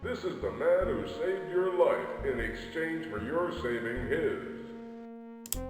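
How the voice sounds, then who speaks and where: A man voicing a kindly man who explains what happened to the maiden, speaking calmly, with a cave echo on his voice. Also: fairly high pitch, slow pace. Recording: distant cave echo, long reverb, game music.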